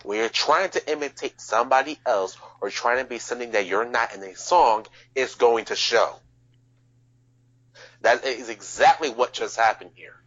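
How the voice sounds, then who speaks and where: A man in a casual reaction chat, speaking calmly and explaining his points step by step. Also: medium pitch. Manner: calm, measured, explains things step by step. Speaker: music reaction co-host. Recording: dull lo-fi sound.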